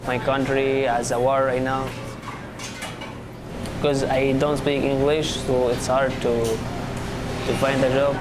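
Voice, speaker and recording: A man from Syria who works at a restaurant, talking in halting, simple English. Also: mid-range voice, monotone. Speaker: restaurant worker. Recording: loud ambient noise, air conditioning.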